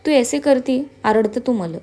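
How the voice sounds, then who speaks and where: Woman doing an excitable young storybook chatterbox, high and loud, mixing in English. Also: slow. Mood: whiny. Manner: bubbly, mixes languages and English phrases. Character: excitable young woman with South Indian mixed speech.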